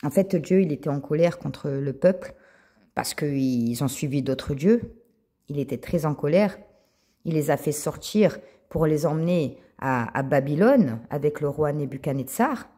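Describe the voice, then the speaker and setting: Low husky woman giving a testimony. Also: measured pace. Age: adult with a child. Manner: animated, repeats words, addresses listeners as friends; retells dialogue in quoted voices. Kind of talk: spoken personal testimony to viewers.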